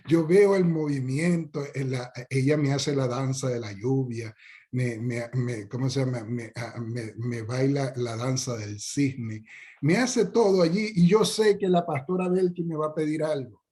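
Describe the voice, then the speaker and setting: A man's voice: on the high side, a little mellow. A man, a pastor giving a conversational Bible lesson, informal and joking, with many fillers and restarts. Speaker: pastor teaching a discipleship class.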